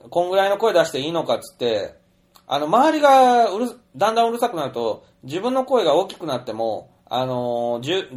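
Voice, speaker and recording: A middle-aged man telling an anecdote in a chatty, rambling monologue full of fillers. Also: a little high. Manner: chatty storyteller, animated, many fillers. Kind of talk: casual monologue.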